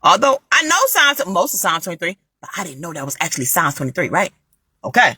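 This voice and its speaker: A woman giving a casual spoken faith testimony to viewers, animated and repeating her phrases for emphasis. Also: lowish voice, fast talker, husky. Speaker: vlogger sharing a faith testimony.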